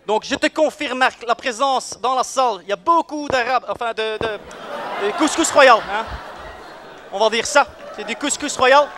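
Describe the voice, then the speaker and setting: A man playing a brash, swaggering, bigoted police officer in a live comic sketch, mocking and bursting into sudden shouts. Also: extremely high pitch, normal speed, noisy background. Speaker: comedian at a live event. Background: faint audience in a room.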